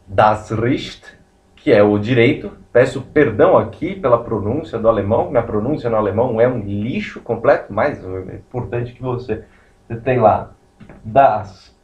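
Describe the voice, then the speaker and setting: A man giving a law lecture, explaining step by step with many digressions as he writes on a board. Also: mid-range voice. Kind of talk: recorded classroom lecture. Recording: roomy, distant, muffled lecture recording.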